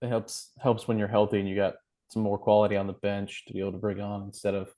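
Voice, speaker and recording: A man's voice: fairly low pitch, flat delivery, fast, dark tone. A man co-hosting a casual soccer podcast over a video call, laid-back and joking, with casual swearing. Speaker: podcast co-host.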